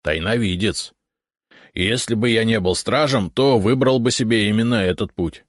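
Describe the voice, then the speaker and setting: A man's voice: on the low side, moderate pace, no room sound, clean studio sound, voice pushed up, natural voice. A man voicing an eager, boastful dragon head. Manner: enthusiastic, triumphant, argumentative. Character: eager curious dragon head, male, ancient magic guardian.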